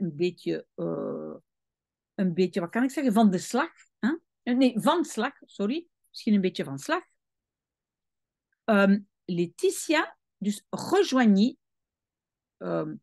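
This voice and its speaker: A woman, reading from a French novel and explaining words to her students. Her speech is slow and patient, her voice rising and falling a lot, and the recording is dry and close. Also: mid-range voice, a little mellow, dry recording. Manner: slow, patient, with frequent hesitations and self-corrections. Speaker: French teacher.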